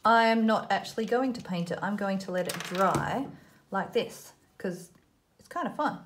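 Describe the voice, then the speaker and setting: An Australian woman talks through a craft activity in a casual, thinking-aloud way, at a middling pitch. She is informal and self-deprecating, like a host chatting while her hands are busy. There is noticeable background noise with small clicks on the recording. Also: moderate pace. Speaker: host of a children's craft video. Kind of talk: casual craft tutorial, talking while working.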